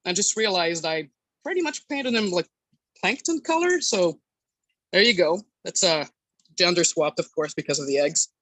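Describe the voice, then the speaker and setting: A hobby sculptor from Quebec talks casually through a live workshop tour. The voice is bright and forceful, with very little room sound around it. The delivery is informal and halting, feeling its way from phrase to phrase. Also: mid-range voice, lively intonation, dry recording. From Quebec, Canada. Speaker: hobby sculptor streamer showing work. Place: home workshop in a house. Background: bubbling aquarium water, passing truck.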